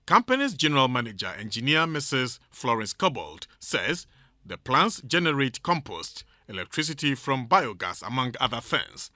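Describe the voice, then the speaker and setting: A man's voice: mid-range voice, sing-song, normal speed, bright, forceful tone, no room sound, clean studio sound. A man reading scripted documentary narration as the narrator. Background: music bed.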